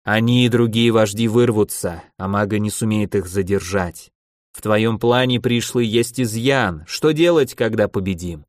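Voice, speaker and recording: A man voicing a gruff female warrior captain. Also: fairly low pitch, normal speed, no echo, clean studio sound, close to an everyday voice. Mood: worried. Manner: gruff, curt speech. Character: blunt, hot-tempered female warrior captain.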